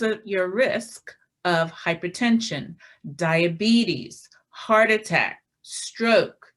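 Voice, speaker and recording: A woman giving an informal health talk, slowly listing foods one by one with frequent fillers and showing items from her pantry. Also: medium pitch. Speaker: health presenter.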